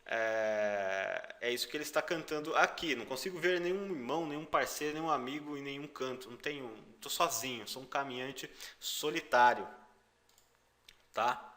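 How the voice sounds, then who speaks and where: A man's voice: medium pitch, moderate pace, sharp tone. A man with a Brazilian Portuguese accent teaching a German lesson, patiently repeating each phrase and stressing the foreign words. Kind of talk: language lesson explaining song lyrics.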